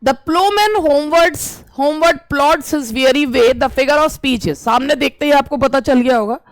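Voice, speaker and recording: A woman teacher, reading English exam questions slowly and explaining them at length. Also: high voice, no echo. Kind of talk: exam-prep lesson.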